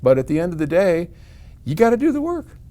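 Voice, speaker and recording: An older American man, the head of a company, answers customer questions to camera in a video series, speaking frankly and casually with folksy emphasis. His voice is high, very animated, fairly quick and dark in tone.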